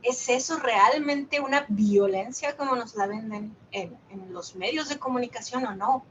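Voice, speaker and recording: Mexican-accented woman, group leader, bright and a touch high, calm reflective talk, faint noise behind. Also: a little slow, highs cut off. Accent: Mexican Spanish. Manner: calm, reflective, asks rhetorical questions. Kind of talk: dharma talk with guided reflection.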